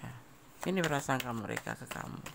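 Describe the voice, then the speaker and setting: A man's voice: mid-range voice, animated, a little fast, gravelly, noisy background. A man giving a casual tarot general reading, talking straight to the listener and repeating phrases. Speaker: tarot reader.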